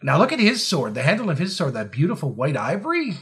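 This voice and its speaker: A man's voice: a little high, huge pitch swings, quick pace, a bit bright. A man co-hosting a casual movie commentary, joking and riffing on scenes with frequent fillers. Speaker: podcast co-host.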